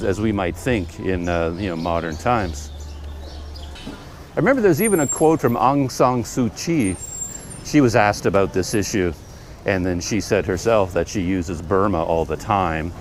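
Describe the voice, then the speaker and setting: A low-voiced Canadian man talks casually into his camera as he moves through a busy outdoor market, his thoughts punctuated by pauses and fillers. He is a travel vlogger, and his camera mic records street sounds, traffic and passing trucks.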